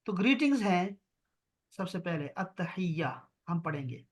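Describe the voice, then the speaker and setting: A man teaching an online Arabic grammar class over a video call, patient and reassuring, repeating words slowly. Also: high voice, lively intonation.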